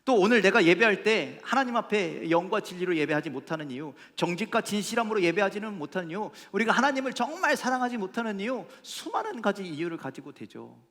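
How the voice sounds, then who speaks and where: Male pastor, emphatic sermon, gravelly voice with a long church reverb. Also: high voice, sing-song, fast talker, hardly any pauses, a bit bright. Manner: emphatic preaching with rhetorical questions to the congregation. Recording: echoey church hall.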